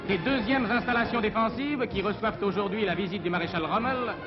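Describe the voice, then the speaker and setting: A man's voice: high-pitched, fairly quick. A man narrating a 1940s newsreel in a formal, declamatory way, heard as an old archive film soundtrack. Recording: dull lo-fi archive film sound with loud music.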